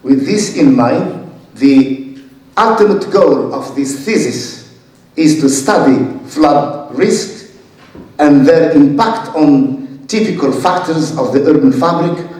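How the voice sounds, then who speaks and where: A man examining a thesis, reading parts of it aloud in a measured, formal way with pauses. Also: a little high, animated, a little mellow. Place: university lecture hall. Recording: echoey hall, voice from far off.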